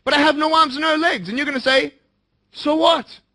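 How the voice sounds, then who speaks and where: A young man giving an emphatic motivational speech to students, swinging between bold declarations and hushed, earnest appeals. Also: extremely high pitch, steady tone, fast talker. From Australia. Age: young adult. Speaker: motivational speaker.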